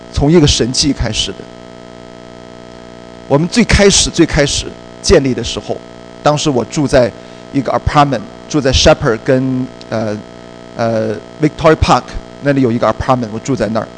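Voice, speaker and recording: A male preacher telling a personal story in a sermon, in a lively storytelling way and slipping English words into his speech. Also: mid-range voice, low-quality recording.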